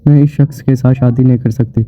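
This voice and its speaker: A man's voice: medium pitch, fairly even intonation, mellow, no echo, close to an everyday voice. Tearful pleading young woman, read by a man. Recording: tinny phone-like, dry sound.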